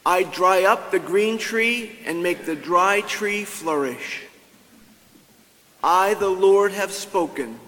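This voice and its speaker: Male lector, high voice, unhurried solemn reading, long cathedral reverb. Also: a bit bright. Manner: measured, solemn delivery. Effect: long cathedral-like church reverb. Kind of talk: slow liturgical scripture reading. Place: large church. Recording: long church hall reverb.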